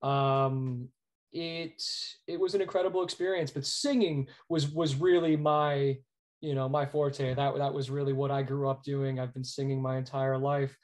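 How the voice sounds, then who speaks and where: This guest, an American sports arena announcer, tells stories during a conversational interview at normal speed. His voice is mid-range and darkish with fairly even intonation, and he's earnest and emphatic, often repeating himself.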